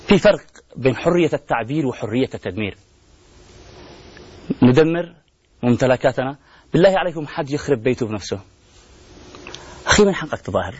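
A man's voice: medium pitch, husky. A man, hosting a program and making an impassioned appeal full of pleading rhetorical questions and repeated refrains, on dull lo-fi broadcast audio. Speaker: TV program host.

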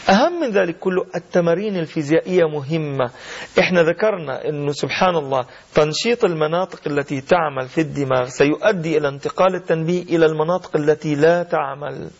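Male radio health host, quick and fluent, explanatory, muffled broadcast sound. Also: on the high side, gravelly, breathy edge. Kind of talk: call-in health advice. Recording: dull lo-fi radio audio.

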